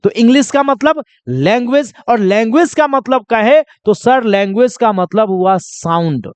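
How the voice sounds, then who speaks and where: A high-pitched man from India runs a simple lesson for children, asking a question and answering it himself again and again. His voice is smooth and crisp. The sound is dry, with no room echo. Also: a little slow. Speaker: English teacher.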